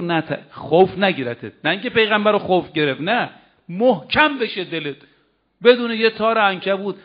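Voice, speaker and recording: A man preaching a sermon, asking the audience questions and reciting verses slowly. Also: sits high. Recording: dull lo-fi recording.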